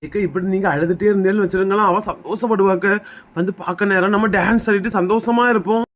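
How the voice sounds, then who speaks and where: A woman's voice: medium pitch, quick pace, natural voice. A woman playing a cheerful young companion with a Kanyakumari accent, upbeat and reassuring. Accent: Kanyakumari Tamil.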